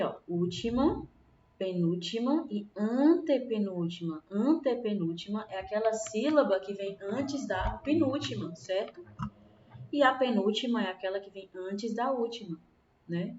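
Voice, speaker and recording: A woman's voice: mid-range voice, normal speed, darkish tone. Patient woman teacher, roomy distant sound. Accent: Brazilian Portuguese. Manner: patient, checks in with frequent tag questions. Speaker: primary school teacher. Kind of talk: online class explanation. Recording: roomy, distant, dull lo-fi with faint hiss.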